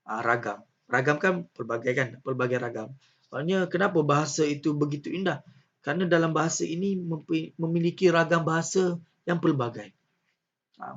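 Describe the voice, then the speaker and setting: A male teacher with a Malaysian Malay accent giving a poetry lesson, patient and questioning, with many filler sounds. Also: mid-range voice. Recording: slightly dull lo-fi audio.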